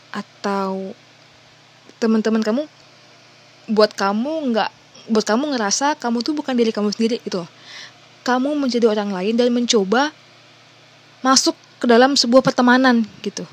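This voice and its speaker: Chatty woman giving friendship advice. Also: a little high. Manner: chatty, addresses listener directly, reads points from a list. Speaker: advice talker. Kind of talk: casual advice talk to viewers.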